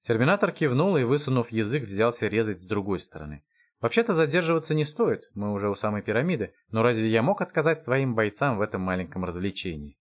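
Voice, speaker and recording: Guy reading an audiobook, lively voice, wry first person storytelling. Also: on the low side, fast. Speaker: audiobook narrator.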